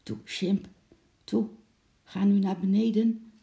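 A man's voice: very high voice, very animated, very slow, mellow, pitched above the performer's own voice, full character voice. A man doing an eager little girl. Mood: pleading. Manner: pleading, calling out. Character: eager little girl, devoted to her chimp.

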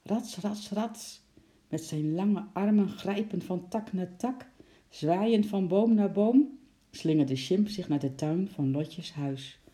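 A storyteller reads a children's book aloud with a very dark, mellow tone. The reading is lively and expressive, and it plays up the sound words. It is a warm, plain read-aloud. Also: medium pitch, slow.

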